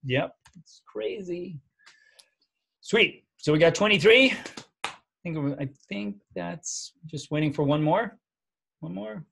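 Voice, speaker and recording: A man's voice: sits high, slow pace, vocal fry, long pauses, a bit bright, slight background noise. Chatty New man teaching code. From New York. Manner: casual, chatty, frequent "right?" checks. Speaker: coding instructor. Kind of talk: live online coding class.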